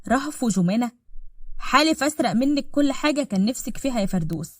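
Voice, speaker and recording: A proud, vengeful rich man with an Egyptian accent speaks in cold, commanding tones, as a woman reads him. The delivery is fast, with a dry close sound. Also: on the high side, expressive, darkish tone, no room sound, voice pushed up.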